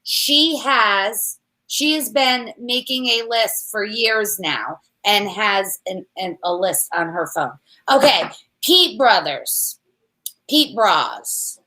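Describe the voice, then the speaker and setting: A woman's voice: mid-range voice, animated, bright, forceful tone. A woman co-hosting a casual chat about products, playful and teasing, fond of made-up words. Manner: playful, unhurried, laughs at her own made-up words. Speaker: co-host.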